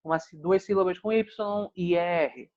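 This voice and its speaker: A man with a Brazilian Portuguese accent, an English teacher calmly explaining grammar in an online lesson. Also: high-pitched, normal speed. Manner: patient, explanatory, frequent "né?" check-ins. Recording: dull lo-fi sound.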